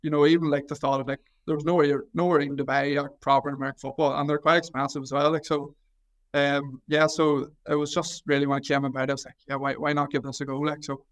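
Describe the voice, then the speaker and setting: This is a Gaelic football goalkeeper in his twenties from County Down, Northern Ireland, trying out as an American football kicker. His Northern Irish voice is smooth, a little high for a man, and fast, with a fairly flat melody. In this casual interview he comes across as modest and hesitant, often restarting and repeating himself.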